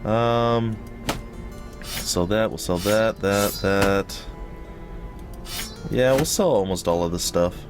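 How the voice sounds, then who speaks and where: A man with a slightly wheezy, breathy-noisy voice giving casual, rambling, jokey commentary as host of a gaming let's play. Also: lowish voice, takes it slowly, long pauses, music in the background. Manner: rambling, jokey, repeats phrases for effect.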